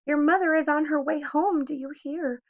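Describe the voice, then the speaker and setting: A woman's voice: high voice, steady tone, normal speed, voice pushed up. A woman voicing a frantic, bossy, fearful pet fish in a children's storybook, with urgent, exclamatory warnings. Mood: panicked, urgent. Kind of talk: children's storybook read-aloud. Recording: dull lo-fi sound.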